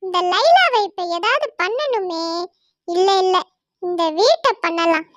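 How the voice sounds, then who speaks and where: A woman's voice: extremely high pitch, big pitch swings, a little slow, no room sound, clean studio sound, full character voice. A woman voicing a jealous, scheming female bird in a cartoon story. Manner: sly, muttering to herself.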